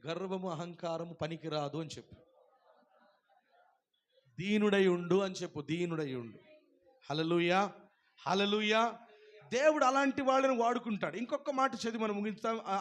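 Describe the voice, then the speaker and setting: A pastor preaching a sermon, swinging between loud proclaiming and hushed, tender asides, now and then singing hymn lines slowly. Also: male voice, high-pitched. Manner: breaks into slow sung hymn lines.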